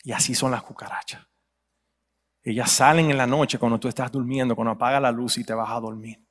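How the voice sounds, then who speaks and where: A man preaching a Sunday sermon in a church, telling stories with humor and building to loud, emphatic peaks. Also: medium pitch, fairly even intonation, brisk. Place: church sanctuary. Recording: long hall reverb.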